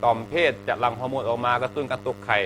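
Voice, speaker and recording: A man's voice: medium pitch, flat delivery, very fast, noisy background. A male teacher giving a health lesson to students, chatty and joking, often asking the class questions.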